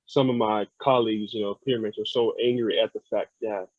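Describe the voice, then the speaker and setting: This podcast guest, a young American man, has a fairly low voice with fairly even intonation and a fairly quick pace. Thoughtful and earnest, he often circles back over words as he thinks during the casual chat, captured in a dry, phone-like sound.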